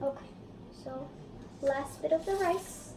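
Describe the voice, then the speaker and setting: Taking it slowly in a high-pitched voice, a child co-hosts a relaxed cooking demo in a home kitchen. The sound carries a roomy echo and some background noise.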